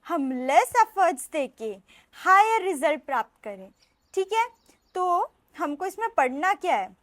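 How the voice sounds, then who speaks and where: A woman's voice: extremely high pitch, very animated, a little slow, dry recording. A young woman teaching an exam revision lecture, chatty and playful, mixing into her talk and drilling students in call-and-response.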